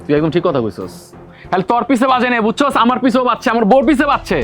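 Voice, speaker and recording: A man plays a harsh, scolding elder son. He speaks very fast, his voice high and lively. Faint music runs behind him. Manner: scolding, quarrelsome. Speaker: elder son in a family drama. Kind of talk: television drama acting.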